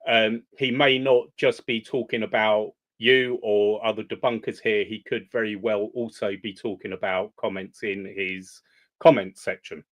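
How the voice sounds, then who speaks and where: A man hosting a reaction video, speaking in a measured, hesitant way with frequent pauses and ums. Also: lowish voice, fairly even intonation. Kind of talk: commentary on a played video.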